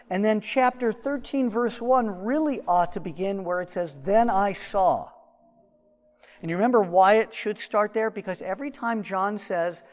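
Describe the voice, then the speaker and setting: A man's voice: high voice, big-room sound. A man teaching through a Bible passage in a conversational, explaining way, his voice muffled because it is recorded from his shirt pocket.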